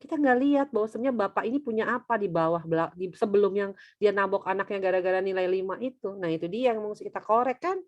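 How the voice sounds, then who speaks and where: A middle-aged woman counselor on a talk show, chatting in a lively way and acting out quoted voices. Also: mid-range voice, fast, hardly any pauses, no room sound, dull audio. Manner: chatty, lively, acts out quoted voices, frequent filler tags. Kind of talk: casual talk-show teaching.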